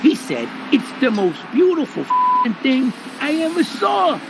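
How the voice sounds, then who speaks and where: Very high-pitched brash little rat hustler. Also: male voice, huge pitch swings, unhurried, very noisy, exaggerated voice. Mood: cocky. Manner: cocky, gruff slangy talk. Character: small brash streetwise male rat hustler, foul-mouthed. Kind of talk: cartoon video game voice acting.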